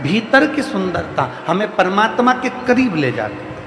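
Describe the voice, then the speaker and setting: A man's voice: sits high, very animated, measured pace, background noise. A man preaching a devotional sermon to a live audience, driving his points home with emphatic repeated refrains. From India. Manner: rhetorical repetition, emphatic refrains. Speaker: kathavachak preacher. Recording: roomy reverberant hall, faint music behind.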